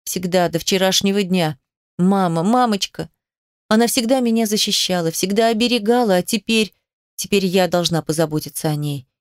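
A woman's voice: medium pitch, normal speed, no echo, studio quality. A woman reading a first-person story aloud in an emotional, intimate way. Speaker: narrator. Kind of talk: first-person audiobook narration.

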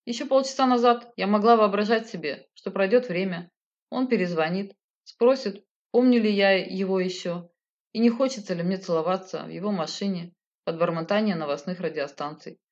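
A woman's voice: mid-range voice, moderate pace, muffled recording. A woman narrating a first-person audiobook in an emotional, bitter manner. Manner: emotional, bitter, sobbing at times.

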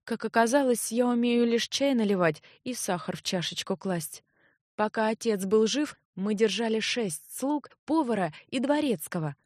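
A woman's voice: on the high side, expressive, moderate pace, darkish tone, no echo, studio quality. A woman voicing a timid young noblewoman in an audiobook, speaking in a hesitant, subdued way.

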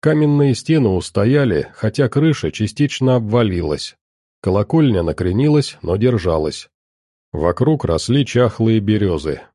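A man giving steady scripted audiobook narration of an action story. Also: fairly low pitch, normal speed, no echo, studio quality.

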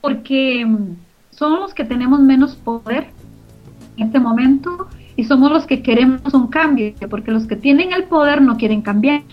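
A middle-aged woman with a Costa Rican Spanish accent, her voice sitting high at a normal speed, answers interview questions earnestly and emphatically, repeating phrases to drive points home. She co-founded a community radio organization. The audio is muffled and lo-fi, with music in the background.

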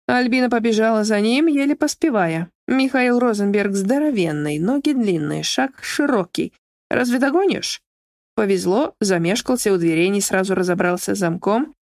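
A woman reading an audiobook aloud in an expressive storytelling manner. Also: moderate pace, dry recording, studio quality. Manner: expressive, shifting into shrill character voices. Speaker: audiobook narrator. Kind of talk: scripted narration.

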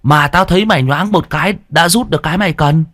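A man's voice: a little high, fast, a bit bright, pitched above the performer's own voice. A man voicing a chatty, stammering young male sidekick who whines a lot in a spoken ghost story. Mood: cheeky.

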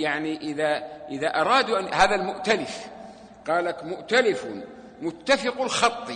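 A man's voice: sits high, sharp tone. A man teaching a mosque class, often stopping to quiz students and restarting words. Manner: keeps asking students check questions, many stuttered restarts. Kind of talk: mosque lesson on hadith terms. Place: mosque hall. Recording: reverberant mosque hall.

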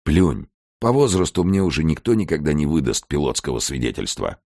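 A man voicing a gruff, blunt older male artist in an audiobook. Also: a bass voice, animated, fairly quick, mellow, no room sound, clean studio sound, full character voice. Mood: wistful. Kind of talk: audiobook character voice.

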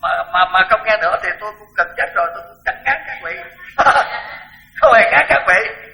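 A man's voice: high-pitched, animated, quick pace, creaky, bright, forceful tone, poor audio. An older man, a Buddhist monk, giving a frank, blunt dharma talk and repeating words for emphasis.

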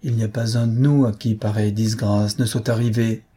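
Audiobook: reader doing a fatherly, shrewd stage director, mellow, husky. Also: fairly low pitch, flat delivery, a little fast. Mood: coaxing. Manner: coaxing, paternal. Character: older male troupe director, soothing, shrewd.

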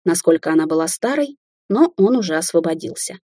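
A guarded, troubled young heroine, read by a woman in an audiobook, suspicious and earnest. The voice is low, mellow and husky, close to the narration, and the recording is dry. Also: lively intonation, fairly quick, no room sound. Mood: weary. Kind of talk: audiobook character voice.

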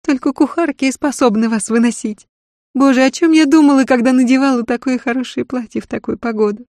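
A man's voice: extremely high pitch, fairly even intonation, a little fast, darkish tone, no room sound, studio quality, pitched above the performer's own voice. A man voicing a capricious, hysterical young noblewoman with a Polish accent in an audiobook. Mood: capricious complaining. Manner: shrieking, frantic, capricious.

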